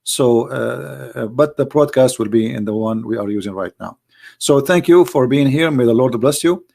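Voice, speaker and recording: A man hosts a religious video at a moderate pace, his medium-pitched voice a little mellow and touched by vocal fry. He delivers an emphatic argumentative monologue in non-native English phrasing, repeating points and asking rhetorical questions.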